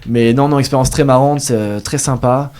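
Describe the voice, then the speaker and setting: A young man in his twenties from France, telling his story as a guest in a casual interview, lively and full of fillers. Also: mid-range voice, normal speed. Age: 20s. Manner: chatty, animated storytelling with fillers. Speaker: guest actor.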